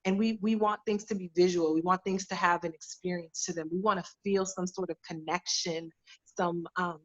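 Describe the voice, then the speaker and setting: A woman's voice: fairly low pitch, fairly bright tone, highs cut off. Emphatic woman beauty editor. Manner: emphatic, repeats key words. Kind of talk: conversational interview answers.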